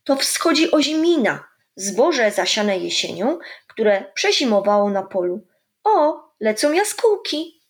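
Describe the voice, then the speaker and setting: A woman's voice: on the high side, big pitch swings, slow pace, exaggerated voice. A woman doing a kind, patient old grandpa. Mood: gentle. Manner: gentle, coaxing, explaining.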